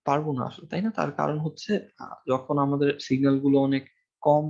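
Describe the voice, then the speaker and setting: A man's voice: fairly high pitch, flat delivery, quick pace, gravelly, a little mellow, muffled recording. A man teaching a university class through a microphone, explaining step by step and asking his students questions, with frequent fillers. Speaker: university lecturer. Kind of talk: classroom lecture. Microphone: microphone with amplifier in a classroom.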